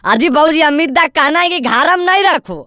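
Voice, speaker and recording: High-voiced quarrelsome Magahi woman. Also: expressive, moderate pace, bright, forceful tone, no echo, studio quality. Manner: quarrelsome, complaining. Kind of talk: scripted village comedy skit.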